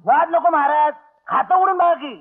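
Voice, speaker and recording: A cheeky, high-voiced village joker. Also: male voice. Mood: teasing. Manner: quick, teasing, giggly banter. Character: cheeky young village man clowning about. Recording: tinny old film soundtrack.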